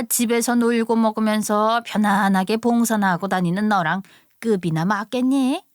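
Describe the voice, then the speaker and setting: A domineering older mother-in-law, put on by a woman, snapping out contemptuous orders in a radio story drama. Her voice sits a little high and is recorded dry and close, with no room around it. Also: no room sound, close to an everyday voice. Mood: scornful. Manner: scolding, bossy and scornful.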